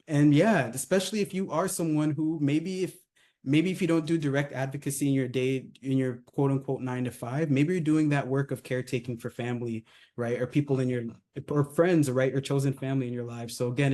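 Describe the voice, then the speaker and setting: A man's voice: mid-range voice, dark tone. A man from California giving a casual, conversational presentation as a company head, dotted with fillers and frequent tag questions. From California, United States. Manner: conversational, many fillers, tags sentences with "right?". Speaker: company CEO presenting a retreat. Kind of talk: casual presentation, video overview.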